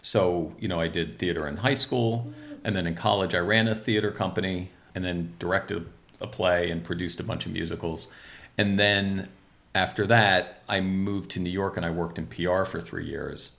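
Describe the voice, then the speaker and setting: A middle-aged American man with a very low voice tells stories easily, laughing often and leaning on fillers. He speaks as a relaxed interview guest. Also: normal speed, gravelly. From Maryland, USA. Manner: chatty, laughing, many fillers. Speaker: screenwriter guest. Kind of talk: casual interview chat.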